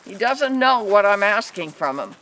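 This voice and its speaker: A woman hosting a casual vlog, training an alpaca outdoors and softly reassuring the animal as she explains each step. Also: mid-range voice, very animated, moderate pace, low-quality recording. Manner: soothing repeated reassurances to an animal. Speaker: alpaca trainer and show host. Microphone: camera mic, handheld at times.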